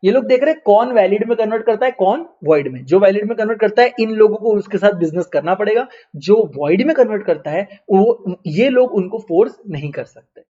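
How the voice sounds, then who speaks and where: A man's voice: high-pitched, expressive, brisk, hardly any pauses, warm tone, lo-fi sound. A man with an Indian accent giving an online lecture. He asks and answers his own questions and keeps repeating key terms. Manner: repeats key terms, mixes English terms into Hindi. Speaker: teacher.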